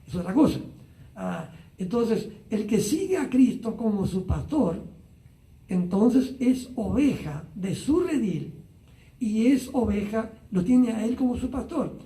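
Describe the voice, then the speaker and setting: Pastor, male, high mellow voice, unhurried Bible study talk with fillers, heard from a distance in a roomy space. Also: sing-song. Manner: unhurried, many "ah" fillers and tag questions. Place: church Bible study streamed live online.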